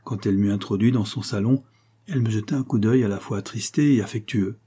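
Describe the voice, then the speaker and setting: A man reading a classic French short story aloud in a measured literary style, as an audiobook narrator. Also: fairly low pitch, dark tone, slightly rough. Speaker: audiobook reader. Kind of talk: scripted narration.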